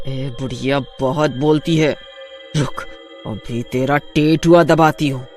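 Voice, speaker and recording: A man voicing a harsh, bossy witch daughter-in-law in a kids' storybook, shouting scornful threats. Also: medium pitch, fairly even intonation, slow, faint music behind, natural voice. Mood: bossy, threatening. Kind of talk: storybook voice acting.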